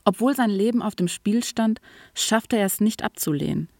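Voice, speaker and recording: A woman reading a story aloud in an even, clear storytelling manner, now and then lightly voicing the characters. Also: mid-range voice, moderate pace, no echo, studio quality. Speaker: narrator. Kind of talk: audiobook reading.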